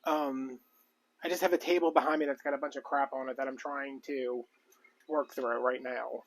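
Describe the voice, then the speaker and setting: A man's voice: mid-range voice, fairly even intonation, normal speed. A man chatting casually and rambling with lots of fillers while crafting on a live stream. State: out of breath. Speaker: crafting vlogger.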